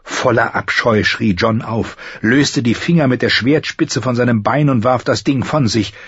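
A man's voice: mid-range voice, moderate pace, husky, no echo, dull audio. A man narrating a fantasy audiobook with tense, vivid storytelling. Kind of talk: dramatic fantasy audiobook reading.

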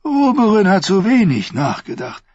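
A man voicing a weary, cautious old prince who speaks slowly and deliberately in an audiobook. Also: high voice, wildly swooping pitch, darkish tone, slightly rough, no room sound, pitched above the performer's own voice, heavily acted. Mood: weary, measured. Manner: slow, deliberate, reluctant speech. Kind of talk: audiobook character voice. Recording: dull lo-fi audio.

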